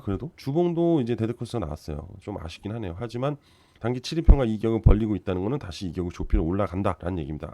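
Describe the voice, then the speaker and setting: A man's voice: medium pitch, darkish tone, no echo. A man hosting a crypto investment channel. He talks bluntly and emphatically, asks rhetorical questions and answers them himself, and reassures worried holders. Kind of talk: market commentary to viewers.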